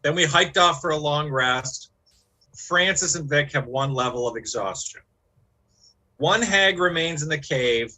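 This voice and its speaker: Man, very bright tone, lively recap, slightly high voice. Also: measured pace, rough recording. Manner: lively, storytelling, animated. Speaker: player giving the recap. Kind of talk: casual game recap.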